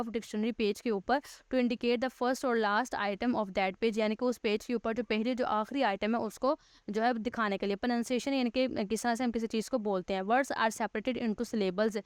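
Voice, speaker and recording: This female teacher has a fairly high, clear and resonant voice with fairly even intonation. She reads English slowly for a recorded grammar lesson before working through it patiently, step by step, putting points in other words. The studio-quality audio has no room sound.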